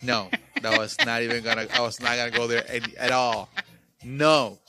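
Bright-voiced joking man host. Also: mid-range voice, level tone, normal speed. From Mexico. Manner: laughing, joking, repeats himself. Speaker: podcast host. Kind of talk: casual chat.

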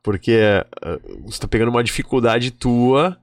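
A man speaking as an instructor guest, explaining ideas in a calm, teacherly way. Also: medium pitch, normal speed, no echo, studio quality. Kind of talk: casual chat.

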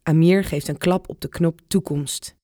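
A woman reading a children's storybook aloud in a clear, even storytelling manner. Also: low voice, measured pace, dry recording, clean studio sound.

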